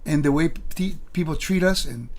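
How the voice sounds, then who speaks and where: Guy, pastor type, slightly high voice, chatting about ministry stuff, really earnest and emphatic. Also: moderate pace, a little mellow. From born in Puerto Rico, grew up in California. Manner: earnest, emphatic, uses rhetorical questions. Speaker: pastor and podcast host. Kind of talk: conversational ministry talk.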